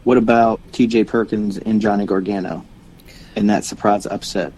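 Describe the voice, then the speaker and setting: Rambling low-voiced podcast co-host man. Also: steady tone, moderate pace, a little mellow, poor audio. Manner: rambling, restarts often; plugs shows and websites. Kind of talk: casual chat.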